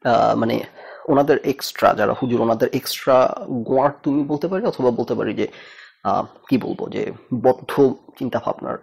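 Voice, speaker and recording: A man's voice: mid-range voice, moderate pace, creaky, darkish tone, breathy edge. A man from Bangladesh hosting a casual talk show, thinking aloud with rhetorical questions and slipping English phrases into his talk. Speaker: host.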